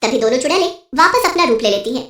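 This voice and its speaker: A woman narrating a cartoon story in a lively scripted storytelling voice. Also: high voice, quick pace, recorded from a distance. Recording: roomy echo.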